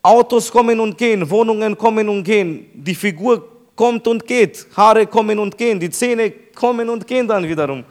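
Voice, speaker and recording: A man with a notably high speaking voice delivers a sermon as pastor. He preaches with emphasis and stretches out key phrases slowly, repeating them for weight.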